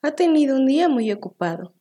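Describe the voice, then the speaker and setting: A woman's voice: high voice, sing-song, fairly quick, dark tone, voice pushed up. A woman voicing a small, clever male piglet who sighs, squeals and politely coaxes in a storybook reading. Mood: sly, content. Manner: sighing, squealing, sweetly persuasive.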